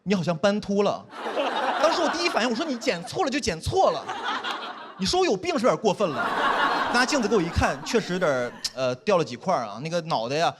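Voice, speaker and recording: A man's voice: sits high, quick pace, very noisy. A young man performing a self-mocking stand-up comedy set on stage before a live audience. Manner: animated, self-mocking punchlines.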